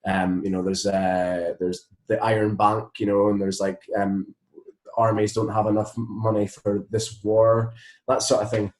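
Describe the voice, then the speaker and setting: Here a Scottish man with a fairly low pitch talks at a measured pace, his voice barely moving in pitch. As a musician and voice actor being interviewed, he chats casually and rambles appreciatively, full of "you know"s. The recording has a roomy echo.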